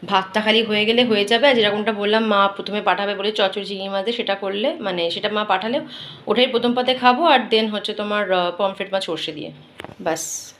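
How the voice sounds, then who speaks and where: A woman's voice: mid-range voice, fairly even intonation, fairly quick, a bit bright. A woman chatting casually to viewers in a home vlog, her voice congested from a cold and a sore throat. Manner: chatty, talks to viewers while showing around. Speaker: vlogger. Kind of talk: casual daily vlog chat. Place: home kitchen. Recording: roomy echo, faint background noise.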